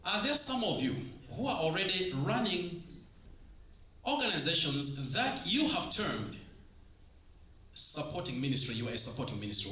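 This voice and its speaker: A man's voice: mid-range voice, bright, forceful tone, slight background noise. A man with a Southern African English accent, a church leader, addressing a convention and coaxing the crowd with repeated instructions. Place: large convention hall. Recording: roomy hall with faint ambience.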